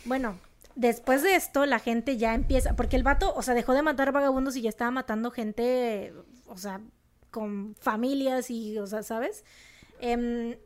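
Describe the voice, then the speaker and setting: At a moderate pace and in a voice on the high side, a young podcast co-host from Monterrey narrates a true crime story. Her northern Mexican accent comes through, and her manner is casual, full of slang, emphatic, with animated outbursts.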